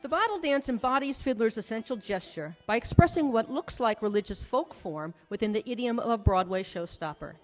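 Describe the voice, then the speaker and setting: Presenting her research as an author, a woman lectures to a large conference audience in a fairly high, animated voice, speaking fairly quickly with hardly any pauses. She tells it like a story with emphatic, articulate phrasing, while music sounds in the echoing hall.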